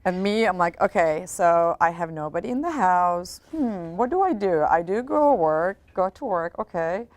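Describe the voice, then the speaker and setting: A middle-aged woman hosts a relaxed chat, talking in a loose, easygoing way with many fillers and light laughs. The sound is dry and close, with no room echo. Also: fairly low pitch, normal speed, few pauses. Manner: chatty, full of fillers and soft laughs. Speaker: host. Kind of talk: casual chat.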